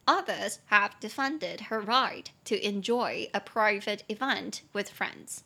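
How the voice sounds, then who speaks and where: A young woman with a Taiwanese Mandarin accent hosting a casual podcast English lesson, chatty and playful, spelling English words out slowly letter by letter. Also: medium pitch, vocal fry, pushed and bright, slightly rough. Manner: playful, teasing asides. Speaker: podcast host and English teacher.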